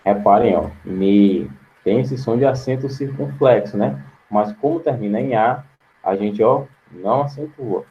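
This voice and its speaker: A male teacher with a Brazilian Portuguese accent gives an online grammar lesson in a lowish voice, with muffled recording. He is patient and slow, repeating words for his students.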